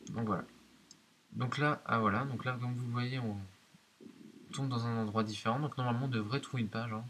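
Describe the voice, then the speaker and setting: A man's voice: mid-range voice, fairly even intonation, a little fast, a bit bright. A man giving hesitant, explanatory let's-play commentary of a horror game, talking directly to his viewers. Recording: hissy home recording.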